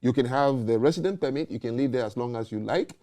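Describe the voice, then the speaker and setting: Guy hosting a debate show, warm low tone, hammers his points home. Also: fast talker. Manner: emphatic, repeats points with "okay?" and "you know". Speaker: host. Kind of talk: casual debate talk.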